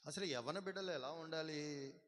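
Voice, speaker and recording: A male pastor preaches with fervor, his voice sitting fairly high for a man. He keeps urging the congregation to answer him loudly. His words ring out in a hall with a long, trailing reverb. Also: normal speed. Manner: fervent preaching, calls on the congregation to shout back. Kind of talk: sermon.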